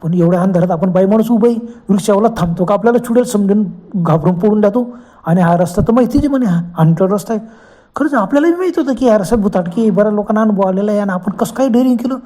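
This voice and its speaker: A man's voice: high voice, fast, dark tone. A man narrating a horror story with a dramatic, exclaiming manner.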